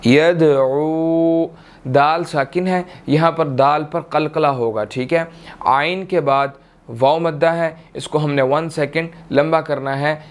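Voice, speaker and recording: A man with a Pakistani Urdu accent teaching tajweed, chanting verses in long drawn-out tones and then explaining each rule briskly, often checking in with "theek hai". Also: fairly high pitch. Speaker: Quran recitation teacher. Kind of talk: tajweed lesson, slow chanted recitation then quick explanation.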